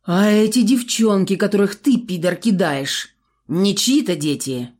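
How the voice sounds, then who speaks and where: A woman voicing a tough young man who threatens slowly and coldly in blunt, coarse speech. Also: mid-range voice, lively intonation, a little mellow. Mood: menacing. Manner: slow, cold, threatening.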